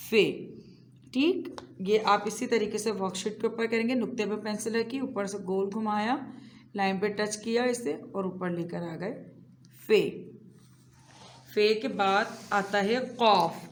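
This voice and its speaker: A woman's voice: medium pitch, a little hiss or hum. A woman teacher with a Pakistani Urdu accent, giving a patient, step-by-step primary school lesson with rhythmic, repeated drills. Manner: patient, slow step-by-step instruction with rhythmic repetition.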